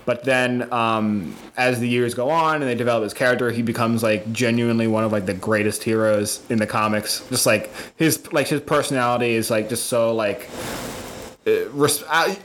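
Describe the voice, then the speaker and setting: A man in casual chat, rambling with lots of fillers and getting excited as he explains. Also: medium pitch, moderate pace, slight background noise.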